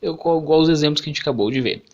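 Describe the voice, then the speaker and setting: A man's voice: fairly high pitch, racing, darkish tone, highs cut off. A man giving an online English lesson, who keeps checking in with "ok?" and "perfeito?". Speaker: English teacher.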